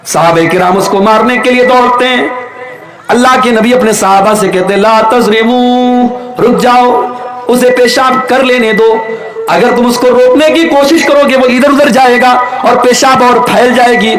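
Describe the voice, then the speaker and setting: Impassioned preacher from India, high voice. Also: male voice, reverberant, faint music behind, low-quality recording. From Uttar Pradesh, India. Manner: impassioned, rising to shouts, chanting Arabic verses slowly. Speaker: Islamic preacher. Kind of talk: sermon.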